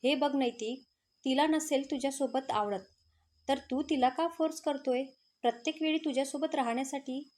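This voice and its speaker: A woman voicing a calm, caring young male student who speaks reassuringly. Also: high-pitched, normal speed, close to an everyday voice.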